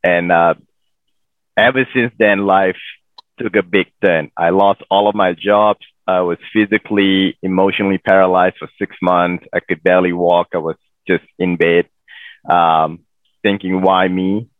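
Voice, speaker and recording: Man from Malaysia, very low voice, dry phone-like sound, relaxed guest telling his story. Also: a little slow, dry recording. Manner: relaxed, with many fillers. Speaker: podcast guest. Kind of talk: casual interview storytelling. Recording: dry tinny phone-like line.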